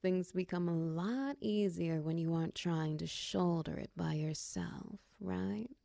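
A woman in a close-mic comfort roleplay, speaking softly and soothingly to a partner, slipping into whispers and guiding slow breathing counts. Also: on the low side, gravelly, dry recording. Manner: soft, soothing, slips into whispers.

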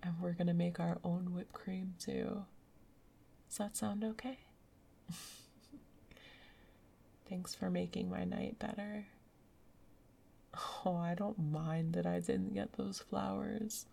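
A woman whispering softly in a gentle, soothing ASMR roleplay as a caring girlfriend. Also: on the low side, fairly even intonation, slow, vocal fry, long pauses, a little hiss or hum. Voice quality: soft whispery. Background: rain sounds.

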